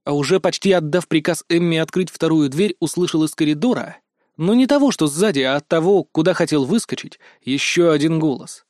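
A man reading a first-person audiobook in a tense, expressive way. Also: fairly high pitch, a little fast, no room sound, studio quality. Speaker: audiobook narrator.

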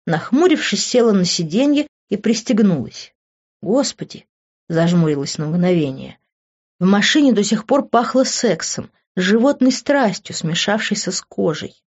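A woman narrates a first-person audiobook in an expressive, story-driven way. Her voice sits at a middling pitch, and the recording sounds slightly muffled and dull. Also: normal speed, husky.

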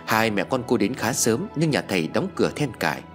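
A man narrating a ghost story in a dramatic, measured manner. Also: fairly low pitch, very animated. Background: background music.

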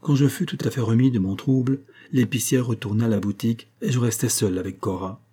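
A man reading a classic novel aloud as an audiobook, in a measured, earnest first-person storytelling manner. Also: mid-range voice, fairly even intonation, warm tone, breathy edge. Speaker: audiobook reader. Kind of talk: literary audiobook narration.

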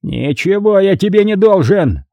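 A man's voice: on the high side, big pitch swings, normal speed, mellow, no echo, voice pushed up. A man voicing a ruthless, mocking middle-aged male crime lord in an audiobook, speaking in a sneering, imperious way. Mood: furious.

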